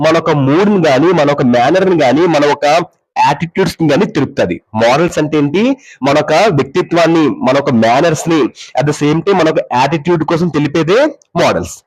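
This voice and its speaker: A man's voice: on the high side, slightly rough, poor audio. A man teaching English grammar, explaining in mixed with English and often checking that his students follow. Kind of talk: classroom grammar lesson.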